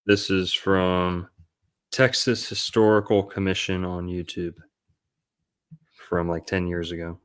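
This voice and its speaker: A man's voice: low voice, level tone, slow pace, pauses often, clean tone. A man hosting casual commentary, sometimes reading aloud from text. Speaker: livestream host.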